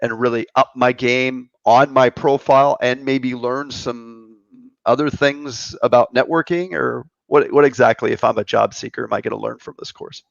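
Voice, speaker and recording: A man in his fifties hosts a live online show, chatting and joking casually with viewers. His mid-range voice is steady and creaky, at a moderate pace with no echo, picked up by a computer mic on the video stream, and the audio sounds dry and slightly dull.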